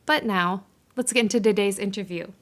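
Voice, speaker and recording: A woman hosting a podcast, reading a scripted intro in a friendly, clear, explanatory way. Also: mid-range voice, brisk. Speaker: podcast host.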